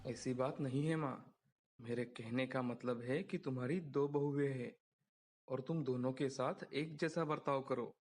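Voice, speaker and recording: A man's voice: medium pitch, fairly even intonation, a little slow, a little mellow, lightly acted. A man voicing an earnest young son who pleads with his mother for fairness. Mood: pleading.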